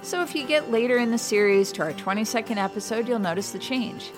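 A woman hosting a podcast, giving scripted narration in a measured, upbeat way. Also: on the high side, lively intonation. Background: soft guitar music.

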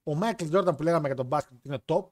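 Animated wrestling show host man. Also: on the high side, dry recording, studio quality. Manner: animated, slangy, joking. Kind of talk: casual chat reading chat comments.

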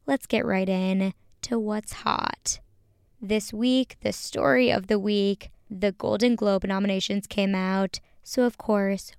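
A woman's voice: mid-range voice, vocal fry, clean tone, dry recording. A young adult woman hosting a casual chatty podcast, recorded inside a small home closet on a close mic. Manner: chatty, upbeat, reads lists quickly. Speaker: podcast host. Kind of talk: casual chat.

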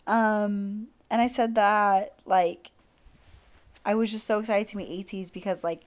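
A woman's voice: mid-range voice, fairly even intonation, a little slow. A young woman talks straight to her listeners in a loose, casual monologue. She gushes and rambles, leaning on "like" and "um" as she tells her story. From Latin America. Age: young adult. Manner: gushing, heavy use of "like". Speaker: podcast host.

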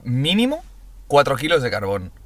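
A man's voice: medium pitch, wildly swooping pitch, moderate pace, fairly bright tone. A young man with a Castilian Spanish accent chatting casually and telling stories to friends in slangy, sweary talk. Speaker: podcast co-host. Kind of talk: casual chat and storytelling among friends.

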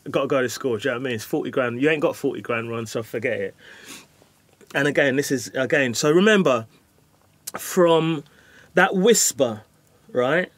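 A middle-aged man, a guest telling his story in a lively, casual way and often asking "you know what I mean". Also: medium pitch, moderate pace, long pauses, no echo.

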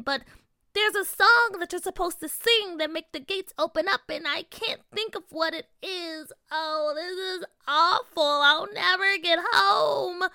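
A high, bright little fairy queen, played by a woman, fussing and squealing in a lively sing-song. The voice sits close and dry. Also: no room sound, heavily acted. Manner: fretful, squealing exclamations. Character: tiny flustered female fairy queen.

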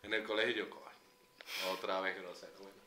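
A man's voice: low voice, little pitch movement, quick pace, crowd noise. A Venezuelan man co-hosting a podcast, joking and playful, putting on voices in his stories. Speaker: podcast co-host. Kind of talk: casual chat.

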